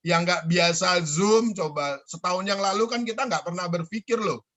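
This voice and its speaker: A man's voice: high-pitched, normal speed, a bit bright. A man from the school staff replying to students' suggestions on a video call, hesitant, with many fillers and restarts. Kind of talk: online school forum reply.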